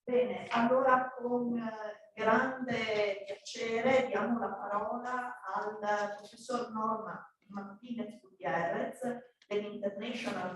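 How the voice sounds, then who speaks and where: A woman moderating a conference, formally introducing a speaker. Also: medium pitch. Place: echoey conference room. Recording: very echoey, distant, noisy conference room.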